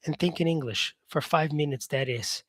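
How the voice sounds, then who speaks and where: This live-stream chat features a Brazilian English teacher, voice a little high and fairly bright, talking at normal speed as he responds to viewers. He's relaxed and cheerful, often saying "yeah," and the studio sound is clean with no echo.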